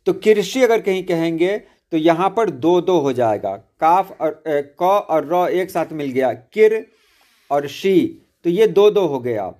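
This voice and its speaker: A man teaching poetry meter in a steady lesson. His voice sits a little high and he talks slowly. He walks through each example patiently and repeats points so students can follow. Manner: slow, patient, explains step by step with repetition. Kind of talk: spoken lesson on Urdu-Hindi poetry meter.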